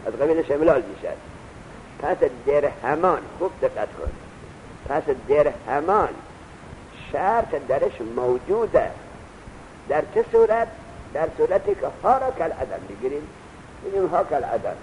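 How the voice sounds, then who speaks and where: Man lecturing on grammar, slightly high voice. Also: very animated, pauses often, darkish tone, slight background noise, low-quality recording. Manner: repeats points and quizzes the students; urges students to take notes. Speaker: teacher of Arabic grammar. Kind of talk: classroom lecture.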